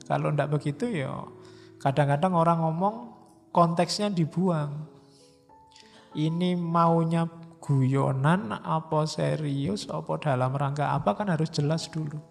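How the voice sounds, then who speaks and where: Javanese guy lecturing philosophy, gravelly, pitch a bit high, echoey hall w faint music. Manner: relaxed, conversational, with mock quotes and slow emphasis.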